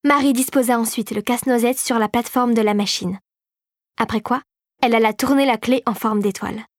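A woman narrating a children's storybook in a clear, steady storytelling manner. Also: on the high side, brisk, no room sound, clean studio sound.

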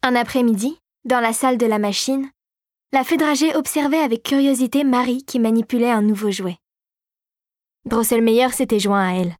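A woman reads a children's storybook aloud in a clear, steady way. Her voice sits somewhat high. The recording is close and very dry. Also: normal speed, no room sound. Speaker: narrator. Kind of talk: storybook narration.

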